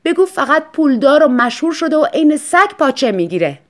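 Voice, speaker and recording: A woman voicing a volatile, newly rich woman writer who talks loud and demanding in a storybook reading. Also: high voice, big pitch swings, voice pushed up. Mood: bitter.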